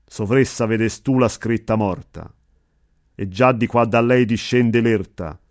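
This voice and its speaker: A man voicing a wise old male poet guide, speaking in calm, measured verse. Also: on the low side, dry recording, clean studio sound. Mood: reassuring. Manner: measured, solemn recitation of verse.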